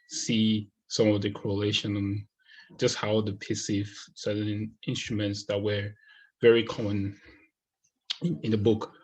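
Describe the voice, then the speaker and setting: A man from Cameroon giving a casual, thoughtful spoken book review, with many pauses and restarts. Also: lowish voice, darkish tone, slightly rough, poor audio. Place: United States.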